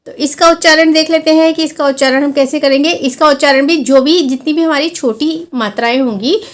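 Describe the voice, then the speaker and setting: Woman, language teacher, high pitch, patient step-by-step explanation, stretched-out example words. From India. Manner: slow, careful explanations, drawing out sample words to show long and short vowels. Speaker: Hindi teacher. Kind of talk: classroom-style lesson explaining vowel signs.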